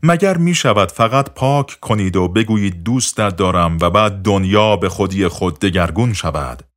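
A man with a lowish voice narrating an audiobook, measured and deliberate. His intonation is animated, rising and falling widely, and phrases often sink softer at their ends. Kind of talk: scripted narration.

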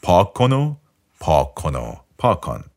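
A man doing a calm, wry healing teacher. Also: low voice, vocal fry, full character voice. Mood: gently teasing.

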